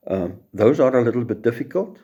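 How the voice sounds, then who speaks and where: A middle-aged South African man with an Afrikaans accent, a judge, gives an informal law lecture packed with courtroom stories, often repeating words and restarting. His medium-pitched voice is very animated, warm and slightly rough, moving a little fast. The audio sounds dull.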